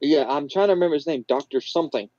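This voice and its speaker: A man's voice: fairly high pitch, quick pace, dark tone, no echo. A man joining a film review as a guest over a video call, laid-back and enthusiastic. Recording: dull lo-fi call audio.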